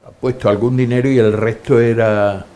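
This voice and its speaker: A man's voice: medium pitch, moderate pace. An older man in an interview, telling his life stories and acting out the voices of people in them. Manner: lively anecdotes, acting out quoted voices. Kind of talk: storytelling interview.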